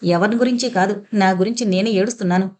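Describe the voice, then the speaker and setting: A woman's voice: medium pitch, fast, darkish tone, natural voice. A woman voicing a bitter, defiant middle-aged daughter-in-law in an audio novel, speaking reproachfully. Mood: grieving.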